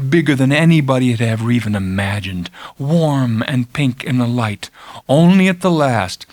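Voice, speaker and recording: A male audiobook narrator reads a literary story told in the first person, his delivery dramatic, intense and deliberate, dropping to a hush and then swelling. His pitch sits in the middle range, and the recording carries no room sound.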